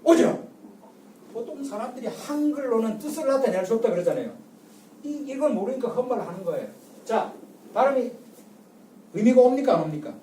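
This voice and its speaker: Older lecturer, mellow tone, quizzing the class with repeated questions; picked up from a distance in a reverberant room. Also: mid-range voice, slight background noise. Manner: drills the audience with call-and-response and repeated rhetorical questions. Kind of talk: public lecture. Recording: echoey lecture room from far off.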